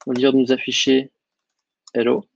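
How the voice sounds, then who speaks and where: A man teaching a coding lesson over a screen share, explaining in a relaxed way with lots of fillers. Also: medium pitch, fairly quick, creaky, lo-fi sound. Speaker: coding instructor.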